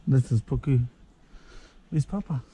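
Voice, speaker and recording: A man's voice: medium pitch, measured pace, mellow. A man making brief, slangy remarks as he films a casual vlog. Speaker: vlogger behind the camera. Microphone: handheld action camera. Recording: noisy handheld outdoor camera audio.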